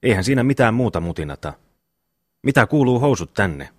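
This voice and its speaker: Timo, a man reading a slow simple-minded brother. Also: lowish voice, sing-song, dry recording, clean studio sound. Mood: good-natured. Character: slow, good-natured simple young brother.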